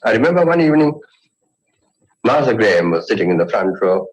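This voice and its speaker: A man with a fairly low voice reminisces in an interview. He speaks thoughtfully, pausing now and then to search for the right word. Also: big pitch swings, lo-fi sound. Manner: thoughtful, searching for words, with pauses.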